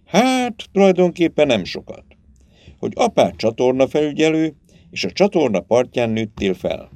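A man reads aloud, voicing a stern, resolute young woman, a captive sister who takes charge with firm, commanding, earnest words. His voice is pushed up to a fairly high, sing-song, slightly mellow pitch, recorded with no room sound.

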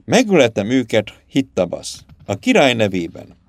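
A man voicing a scheming high priest who coaxes in a low, slow, soothing murmur. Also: huge pitch swings. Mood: coaxing.

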